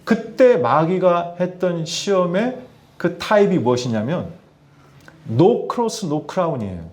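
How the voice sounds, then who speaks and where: Lively-voiced male pastor preaching. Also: high voice, slow pace. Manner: addresses congregation with questions, lively emphasis. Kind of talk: sermon. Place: church in Tianjin, China.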